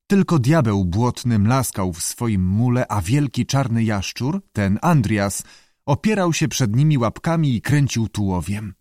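Expressive male audiobook narrator. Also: medium pitch, unhurried, no echo, clean studio sound. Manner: expressive storytelling.

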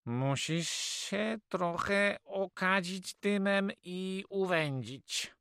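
A man's voice: very slow, vocal fry, a bit bright, smooth, no echo, clean studio sound, full character voice. A man voicing a cautious, wry Catalan male companion who politely warns his friend in an audiobook. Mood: wry warning. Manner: high, polite and warning, calls him "kawalero". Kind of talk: audiobook character voice.

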